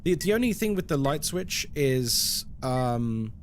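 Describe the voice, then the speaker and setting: A man's voice: mid-range voice, big pitch swings, slow, a little hiss or hum. A man chatting casually as a live game streamer, with playful, tongue-in-cheek banter and commentary for his viewers.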